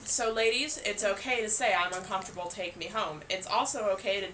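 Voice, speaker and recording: A woman's voice: mid-range voice, brisk, pushed and bright, poor audio. A woman in a casual group chat, giving blunt, frank advice. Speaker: co-host.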